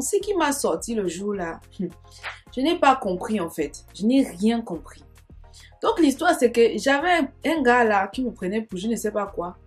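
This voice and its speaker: A young woman telling a personal story in a chatty, digressive vlog manner, with sayings and asides. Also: on the high side. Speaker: storytime vlogger. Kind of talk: casual storytime monologue.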